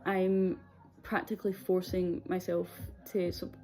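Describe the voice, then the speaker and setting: A woman's voice: fairly low pitch, little pitch movement, a little slow, warm tone, soft background music. A young adult woman with a Scottish accent telling a personal story in a candid, hesitant, conversational way. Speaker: video series host.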